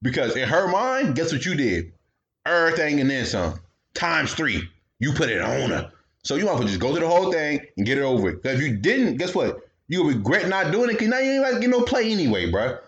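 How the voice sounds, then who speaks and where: A man's voice: on the high side, fairly quick, highs cut off. A young man hosting a podcast, telling a casual comedic story in slang and acting out the voices of the people in it. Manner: animated storytelling, slangy, acts out quoted voices. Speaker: podcast host.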